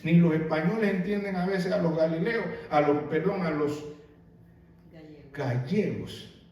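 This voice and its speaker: A man preaching a sermon as pastor, animated and asking the congregation rhetorical questions. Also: a little high, a little slow. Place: church sanctuary. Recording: very echoey hall, mic far off.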